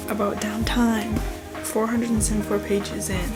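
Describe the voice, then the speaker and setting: A woman's voice: mid-range voice, little pitch movement, normal speed, poor audio. A young woman vlogging casually about her reading, chatty and gushing in her reactions. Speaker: book vlogger. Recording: music playing under the voice.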